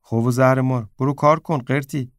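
A man's voice: mid-range voice, steady tone, no room sound, clean studio sound, natural voice. A man voicing a blunt, bossy young man in a story he reads aloud. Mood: curt.

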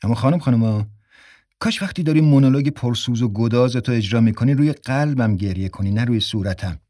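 A man playing a wisecracking young actor who teases a fellow actress. His voice sits at a middling pitch and is recorded close and dry. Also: warm tone, no room sound, lightly acted. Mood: joking. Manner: wisecracking, teasing. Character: joking young male stage actor.

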